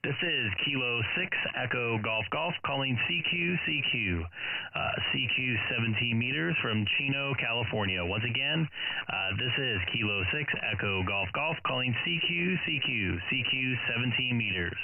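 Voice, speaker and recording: A man working as a ham radio operator, calling CQ from his home radio shack in a measured on-air cadence and spelling his call sign phonetically. His voice comes through with a radio-room sound and static. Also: medium pitch, lively intonation, creaky. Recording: tinny phone-like sound, faint static hiss.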